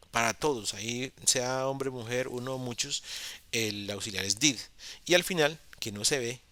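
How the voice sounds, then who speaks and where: Bright, dry-voiced man teaching English. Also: medium pitch, dry recording. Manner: patient, repeats key points, many fillers. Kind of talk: explanatory lesson for beginners.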